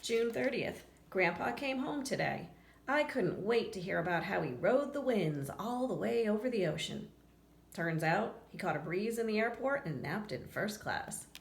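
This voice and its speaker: A woman with a medium-pitched, fry-tinged voice reads a children's picture book aloud at a normal speed, acting out the lines with expression. She pauses now and then for chatty asides to her young listeners. The recording has a roomy echo and faint background noise.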